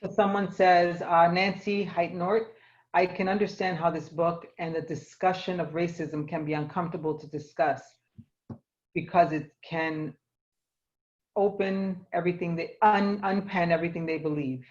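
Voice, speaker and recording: A woman's voice: lowish voice, fairly even intonation, normal speed. Woman host reading comments on a muffled call. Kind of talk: book discussion over video call. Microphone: video call. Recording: muffled video call audio.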